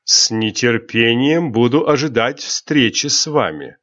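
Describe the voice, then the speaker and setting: A man voicing a confident young prince with a soft pleasant baritone, courtly and flattering, in a slightly dull recording. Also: unhurried, lightly acted. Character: confident young foreign prince, charming and curious.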